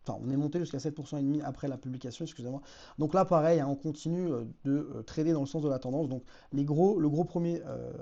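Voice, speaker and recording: A man's voice: fairly high pitch, mellow, dull audio. A man hosting a weekly market review, casually walking through charts, hesitant, with many fillers and self-corrections. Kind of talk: casual chart-walkthrough commentary.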